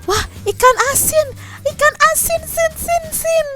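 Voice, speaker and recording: A woman's voice: very high voice, unhurried, loud music behind the voice, pitched above the performer's own voice. Woman doing a greedy sing-song cat. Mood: gleeful. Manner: gleeful sing-song chanting. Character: greedy hungry male cat.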